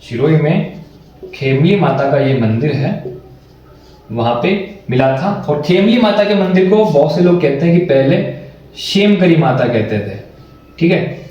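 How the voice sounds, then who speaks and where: A man gives an exam-prep history lesson and talks in a slightly high voice. He repeats each point and answers his own questions. The recording sounds very echoey, as if made in a bare room. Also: lively intonation, a little slow, warm tone, lo-fi sound. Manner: repeats points and asks himself questions, often adding "ठीक है". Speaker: teacher.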